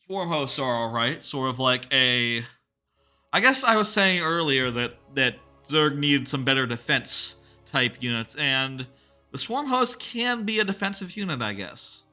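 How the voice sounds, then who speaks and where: A man's voice: medium pitch, animated, measured pace, sharp tone. A man giving casual game commentary as a gaming video host, musing tentatively with wry asides into a close mic. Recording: game music under the voice.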